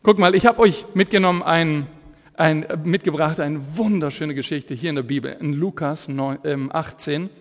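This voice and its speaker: Fervent high-voiced man preaching. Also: moderate pace. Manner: fervent, excitable, lively storytelling. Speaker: evangelist preacher. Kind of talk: energetic sermon with Bible storytelling. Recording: echoey hall reverb.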